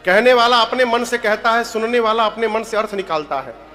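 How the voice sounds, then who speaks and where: A man's voice: very high-pitched, fairly quick, bright, forceful tone, soft background music. A man giving a devotional sermon as a religious storyteller, telling stories with animation, putting questions to the audience and breaking into sung verse.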